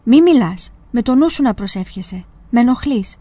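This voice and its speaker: A woman reading aloud the lines of a stern, blunt, very old male monk who scolds in sharp bursts. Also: on the high side, big pitch swings, no echo. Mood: irritated.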